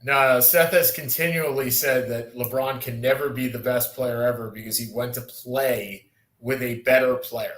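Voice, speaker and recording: A man hosting a sports podcast, chatting quickly and casually. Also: medium pitch, fairly even intonation, a bit bright. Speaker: podcast host. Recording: echoey room, faint noise.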